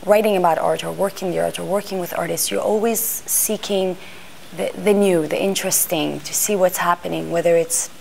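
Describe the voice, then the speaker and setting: Her voice lowish, creaky, and a little mellow, a middle-aged woman speaks at normal speed with a steady tone, over a faint hiss or hum. She was born in Iran, grew up in Greece and Washington D.C., organizes art fair panels, and in this interview monologue she thinks aloud, restarting and filling as she searches for words.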